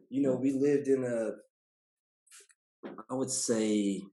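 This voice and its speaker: A basketball player in his thirties from Indianapolis, United States, talks in a casual interview as a podcast guest. His low voice is a little mellow, and his laid-back, colloquial manner includes frequent "you know" tags on his sentences. The audio sounds roomy and echoey.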